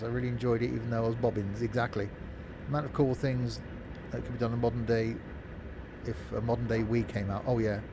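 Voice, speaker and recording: A man live-streams a game, chatting in a loose, joking way and answering his viewers informally. He uses a streaming mic routed through a mixing desk, and a constant background noise with vehicle rumble runs underneath.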